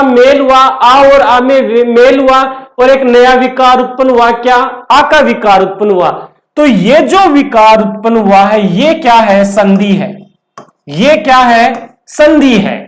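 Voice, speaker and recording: A woman giving a grammar lesson at a very slow, deliberate pace, in a voice a little higher than most. She puts questions to her students and then answers them, repeating each key term. The room around her has a noticeable echo. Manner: asks the class questions and answers them herself; repeats key terms over and over. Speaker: Hindi grammar teacher.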